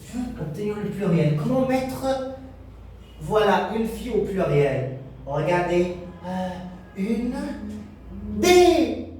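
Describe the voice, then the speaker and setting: Slow, singsong male teacher in echoey room. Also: high-pitched, very animated, darkish tone, soft background music. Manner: slow and drawn out, acting out the pupils' answers himself. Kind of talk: French lesson for children. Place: classroom with whiteboard. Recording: echoey room, mic far off.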